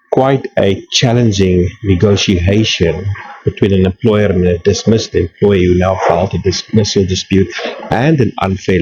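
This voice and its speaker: A very low, thick voice from a middle-aged man, husky and congested from a flu. He talks through a work case in a relaxed, explaining way and asks the listener rhetorical questions. The recording sounds dull and muffled, made in a coffee shop. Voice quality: deep, husky from a cold. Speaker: podcast host. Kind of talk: casual talk to camera.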